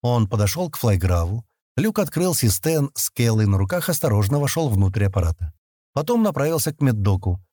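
Lively, mellow-voiced male audiobook narrator. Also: medium pitch, brisk, no room sound, clean studio sound. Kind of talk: audiobook reading.

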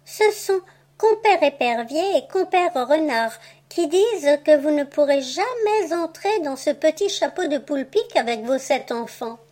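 A cunning, boastful rabbit trickster, as a woman reader puts him on for a storybook. He talks high and unhurried with a teasing, playful slyness. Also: lively intonation, darkish tone. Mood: sly. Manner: sly, playful, theatrical. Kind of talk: audiobook tale reading.

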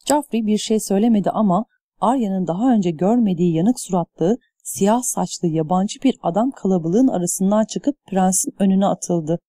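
A woman narrates a story at an even, measured pace. Her voice is warm and mellow in tone, and it is recorded close to the mic in a dry space with no reverb. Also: medium pitch. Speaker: audiobook narrator. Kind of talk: scripted narration.

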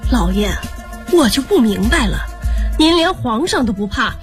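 A woman's voice: on the high side, very animated, moderate pace, soft background music. An actress playing an anxious woman of an official's household in a radio drama, fussing and pleading with her master. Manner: fretful, pleading.

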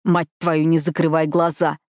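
A woman reading an audiobook, voicing a fierce, commanding young man who growls his words hoarsely through clenched teeth. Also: low-pitched, flat delivery, moderate pace, darkish tone, no room sound, studio quality, lightly acted. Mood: grim. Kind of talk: audiobook character voice.

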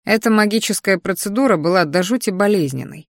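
A woman narrating a fantasy audiobook in the first person, in a steady, expressive reading voice. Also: medium pitch, brisk, dry recording, clean studio sound. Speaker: audiobook reader.

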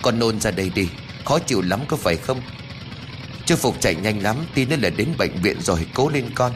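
Man voicing a kind uncle in a spooky story, soothing, low voice. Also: lively intonation, fairly quick, music in the background, lightly acted. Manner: soothing, reassuring. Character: caring middle-aged uncle, gentle.

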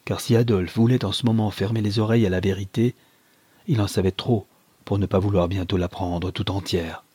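A man reads a classic novel aloud in a calm, measured way. His voice sits low and sounds husky and breathy. The recording is dry and close, with no room sound. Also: no echo. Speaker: audiobook reader. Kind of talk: scripted narration of a novel.

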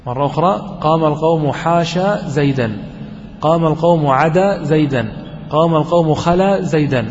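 A man teaching an Arabic grammar lesson to a class. He keeps checking that the students follow with quick questions, and he repeats his examples slowly. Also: a little high, a little mellow, slight background noise. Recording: dull lo-fi recording in a hall with long reverb.

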